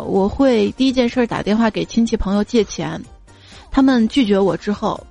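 Chatty woman host reading funny listener stories, kinda high voice, light music behind. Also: a little mellow. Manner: chatty, playful, acts out quoted lines. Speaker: comedy podcast host. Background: faint background music.

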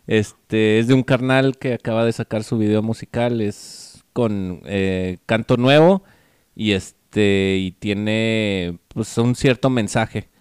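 A man's voice: lowish voice, slow, darkish tone, smooth, dry recording, clean studio sound. A man with a northern Mexican accent chatting casually as a podcast co-host, in profane slang. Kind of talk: casual chat.

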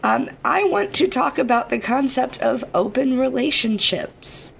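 Podcast host, woman, badly hoarse and gravelly, fairly high voice, casual, playful, sweary. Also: a little slow, a little hiss or hum. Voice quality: hoarse, shot voice from overwork.

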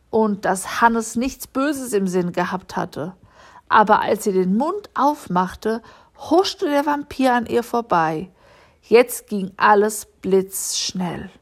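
Female audiobook reader, slow and calm, reading a children's story. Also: mid-range voice. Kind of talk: storybook narration.

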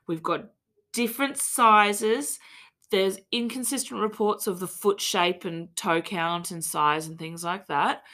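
A woman's voice: fairly low pitch, fairly bright tone. An Australian woman hosting a podcast, talking in a chatty, jokey way and swearing freely. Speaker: podcast host. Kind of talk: casual chat.

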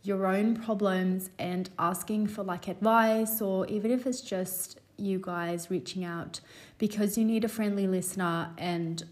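A woman's voice: mid-range voice, fairly even intonation, unhurried. Woman in her twenties, solo podcast host, earnest and rambling, slightly stuffy from a cold. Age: 20s. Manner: warm, earnest, rambling with many "you know" fillers. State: slightly congested, recovering from a cold. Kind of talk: casual solo podcast talk.

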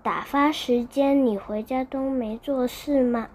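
A woman's voice: sits high, fairly even intonation, measured pace, a little mellow, slight background noise. A woman voicing a curious, kindly young child in a bedtime storybook, earnest and wondering.

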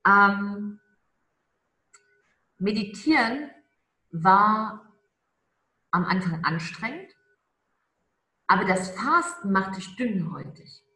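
A woman coaching on charisma in a conversational interview, emphatic and stretching key words slowly. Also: mid-range voice, expressive, pushed and bright, roomy sound.

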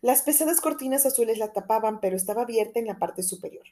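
A woman narrating a novel aloud in a steady, measured storytelling voice. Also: fairly high pitch. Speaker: audiobook narrator.

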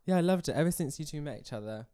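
A woman co-hosting a casual chat, playful and teasing with animated turns. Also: sits low, very fast, dry recording, clean studio sound. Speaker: podcast co-host.

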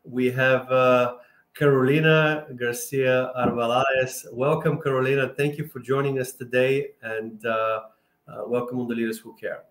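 A man's voice: mid-range voice, flat delivery, unhurried. A man hosting a podcast interview, speaking hesitantly with many restarts. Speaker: podcast host. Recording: echoey room.

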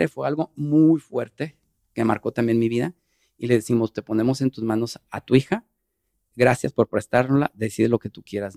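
A middle-aged man, a podcast guest telling an emotional personal story earnestly, in fast bursts. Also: medium pitch, gravelly, a little mellow.

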